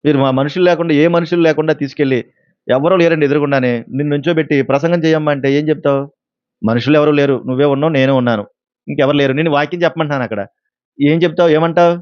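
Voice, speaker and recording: A man's voice: a little high, steady tone, fast, dry recording. A male pastor preaching a sermon, telling a story and asking the congregation questions. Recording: dull lo-fi sound.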